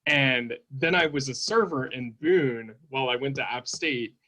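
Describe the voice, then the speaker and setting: A man's voice: mid-range voice, normal speed, bright, forceful tone. A young man from North Carolina in casual chat on a video call, telling chatty anecdotes. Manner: chatty, self-deprecating anecdotes.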